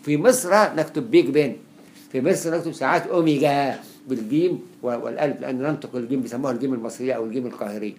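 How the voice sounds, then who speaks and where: Fast-talking Egyptian lecturer man. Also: mid-range voice, slight background noise. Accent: Egyptian Arabic. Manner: explains quickly with many examples, repeats words to stress them. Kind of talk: classroom lecture on Arabic spelling.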